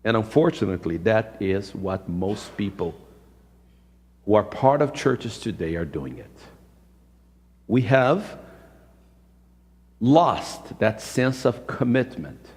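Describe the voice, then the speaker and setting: Slow, very animated, and pausing often, a Brazilian-accented pastor in his fifties whose first language is Portuguese delivers an emphatic sermon with repeated phrases for effect. His voice is lowish and a little mellow. The live-streamed service echoes through a reverberant church sanctuary.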